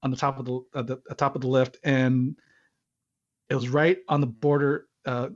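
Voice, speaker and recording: A man's voice: mid-range voice, flat delivery, moderate pace, highs cut off. A man from Hawaii, a guest on a podcast, telling a story in a rambling way with restarts and chuckles. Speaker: podcast guest, marriage and business consultant. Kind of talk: conversational storytelling.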